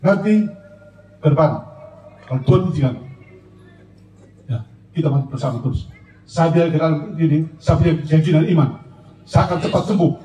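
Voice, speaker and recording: Husband with a Sumba accent speaking from afar. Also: male voice, fairly high pitch, warm tone. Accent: Eastern Indonesian (Sumba). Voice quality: halting, repetitive speech with many murmured fillers. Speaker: husband giving a public clarification. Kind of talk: emotional personal testimony. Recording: distant, echoey room with faint noise.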